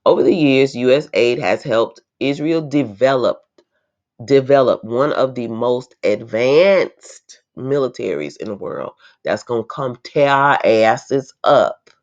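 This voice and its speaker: Her voice is extremely low and darkish, with lively intonation, and she takes her time reading an article aloud. Between passages she interjects indignant, emphatic remarks, captured on a slightly dull, lo-fi recording.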